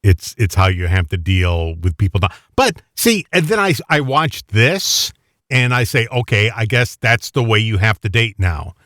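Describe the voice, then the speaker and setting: A man's voice: lowish voice, big pitch swings, normal speed, fairly bright tone, dry recording, studio quality. A man co-hosting a talk show, joking and sounding incredulous. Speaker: radio co-host. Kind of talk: casual chat.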